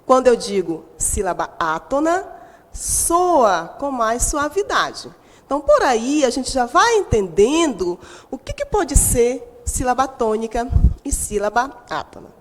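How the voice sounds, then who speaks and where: A woman teacher with a Brazilian Portuguese accent and a high voice records a lesson for sixth graders in a large hall, with slight background noise. She speaks emphatically, draws out stressed syllables and asks questions of pupils watching at home.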